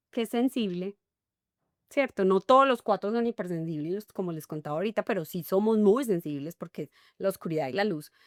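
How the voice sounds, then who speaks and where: A woman's voice: medium pitch, no room sound, clean studio sound. A middle-aged woman with a Colombian paisa accent, a coach talking expressively in an interview and acting out little dialogues. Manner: animated, acts out little dialogues. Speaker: guest, enneagram coach. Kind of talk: conversational interview.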